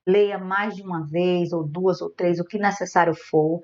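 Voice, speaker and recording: A woman's voice: lowish voice, fairly even intonation, unhurried, a little mellow. A woman teacher with a Brazilian Portuguese accent, giving a patient, methodical online lesson and going through words one by one. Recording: dull lo-fi recording.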